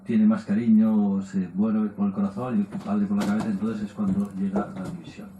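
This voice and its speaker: A man's voice: on the low side, level tone, normal speed, roomy sound, noisy background. A man giving a lecture, tossing in rhetorical questions and tag words as he explains. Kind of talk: public lecture.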